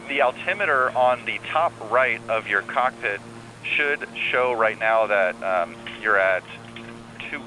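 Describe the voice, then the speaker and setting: A man working as an air traffic controller on the radio, calmly giving reassuring step-by-step instructions. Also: mid-range voice. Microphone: radio transmission. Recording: air traffic radio with faint hum and noise.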